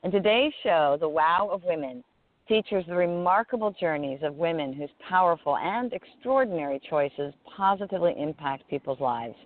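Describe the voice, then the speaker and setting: A woman hosts an interview show, introducing and questioning her guest with eager enthusiasm and fillers like "you know." Her lowish voice has lively intonation and a moderate pace. The call audio is dry and tinny, with no room sound.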